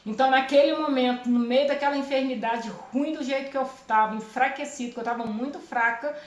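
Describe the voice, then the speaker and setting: A woman's voice: high voice, steady tone, brisk, roomy sound, a little hiss or hum. Earnest woman giving a testimony. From Brazil. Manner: earnest, emotional, repeats phrases. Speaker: testifying believer. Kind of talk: religious testimony. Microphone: phone camera.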